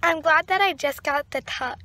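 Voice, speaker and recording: A woman's voice: sits high, moderate pace, sharp tone. A teenage girl vlogging casually in a car, chatty and full of "like", talking with her fingers at her mouth. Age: teens. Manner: chatty, says "like" a lot. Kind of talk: casual vlog chat.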